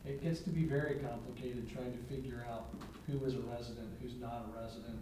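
A man, the village law director, explaining a bill at a council meeting in a measured way, with many pauses. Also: mid-range voice, steady tone. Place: municipal council chamber. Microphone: distant room mic. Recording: very echoey chamber, far mic, loud noise.

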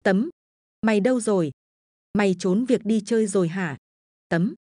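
A woman voicing a scheming village woman who coaxes gently, in a storytelling reading. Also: medium pitch, normal speed, dry recording, studio quality, natural voice. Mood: scolding. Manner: coaxing, then yelling scoldings. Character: scheming village woman, sweet-talking then harsh. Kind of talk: storytelling voices.

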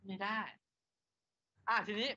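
A man's voice: takes it slowly, pushed and bright. A man lecturing an engineering class. He asks his students rhetorical questions and then answers them himself. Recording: lo-fi lecture recording.

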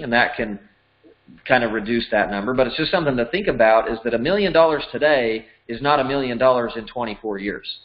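Male finance teacher in his forties, mid-pitched, plain conversational delivery, slightly dull lo-fi recording. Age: 40s. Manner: plain, conversational, works through numbers step by step. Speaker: financial educator. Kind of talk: explanatory lesson over slides. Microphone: voice-over.

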